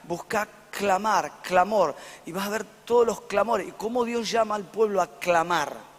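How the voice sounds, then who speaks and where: A man's voice: high-pitched, unhurried. A man pastor with an Argentine Rioplatense accent, preaching emphatically to a congregation in a church and checking in with them often. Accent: Argentine Rioplatense Spanish. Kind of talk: sermon. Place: church hall before a congregation. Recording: echoey church hall.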